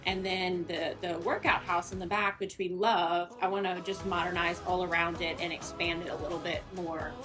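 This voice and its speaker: Woman, somewhat low pitch, conversational interviewee, soft music underneath. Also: level tone, normal speed, hardly any pauses. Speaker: homeowner being interviewed. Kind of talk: casual conversational interview answers.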